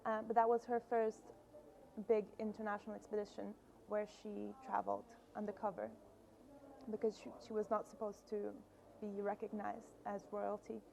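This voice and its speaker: A filmmaker from Brazil being interviewed at a film festival, answering thoughtfully with frequent pauses. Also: female voice, medium pitch, flat delivery, gravelly, dark tone, a little hiss or hum, low-quality recording. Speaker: filmmaker guest.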